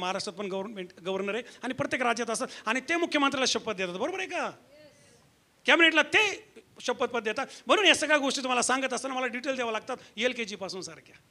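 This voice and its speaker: High-voiced, sharp-toned preaching pastor. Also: male voice. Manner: emphatic, rhetorical questions to the congregation. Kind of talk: preaching a sermon with call-and-response. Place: church before a congregation.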